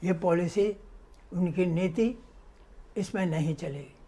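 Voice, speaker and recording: A man's voice: sits high, slow, warm tone. A man giving impassioned social commentary, indignant and emphatic, piling up lists and rhetorical questions.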